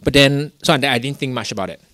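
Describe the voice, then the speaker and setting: Young man, rambling testimony, many fillers, mid pitch, dry sound. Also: fast talker, sharp tone, dry recording. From Singapore. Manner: rambling, many "you know" fillers and restarts. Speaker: guest telling his story. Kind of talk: casual testimony.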